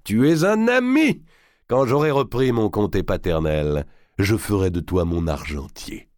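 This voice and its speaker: A man reading aloud, voicing a huge, boisterous nobleman given to booming outbursts. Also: very animated, moderate pace, gravelly, no room sound, studio quality, exaggerated voice. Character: huge, boisterous exiled nobleman, big and bold.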